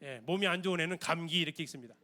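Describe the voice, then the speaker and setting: A man's voice: on the high side, very fast, sharp tone. A man giving a church Bible lecture, explaining in a conversational way and often asking the audience questions.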